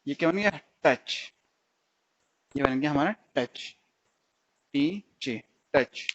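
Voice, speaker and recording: A man's voice: a little high, lively intonation, slow, a bit bright. A male stenography teacher giving a recorded lesson, explaining step by step, repeating each sound and checking that students follow. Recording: dull lo-fi sound.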